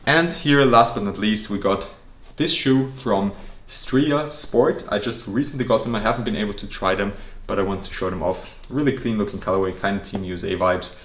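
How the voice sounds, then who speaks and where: A man's voice: lowish voice, moderate pace, a bit bright. A man presenting casually to his viewers as a vlogger, recorded indoors at home. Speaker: sneaker collection vlogger. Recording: roomy echo, faint noise.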